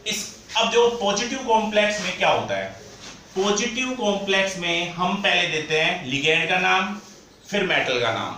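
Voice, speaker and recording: A man teaching a chemistry lesson, who says key terms slowly and repeats them and asks the class questions as he goes. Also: sits high, very animated, bright, forceful tone, recorded from a distance, a little hiss or hum. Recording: echoey room, voice from off-mic.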